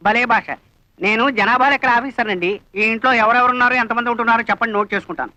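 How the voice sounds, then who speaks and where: A man's voice: very high-pitched, quick pace, sharp tone, full character voice, rough recording. An actor playing a fussy, easily confused male census officer in a comedy film. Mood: exasperated. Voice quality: exasperated, fussy. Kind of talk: comic film acting.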